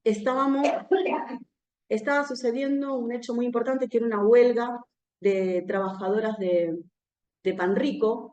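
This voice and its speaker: A woman's voice: mid-range voice, darkish tone, a little hiss or hum. Argentine woman speaking in a roomy echo. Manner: conversational, often ends phrases with a questioning "no?". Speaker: speaker at a political talk. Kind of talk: live public talk. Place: room where a talk is held, with an audience.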